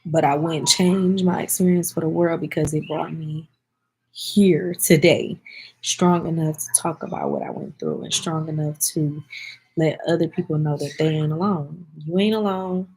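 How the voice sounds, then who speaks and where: A woman's voice: deep voice, lively intonation, moderate pace, darkish tone, a little hiss or hum, low-quality recording. A woman, talking heartfelt and teary-eyed to her viewers in a casual vlog chat. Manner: heartfelt, speaks directly to viewers as y'all. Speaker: vlogger answering viewer comments.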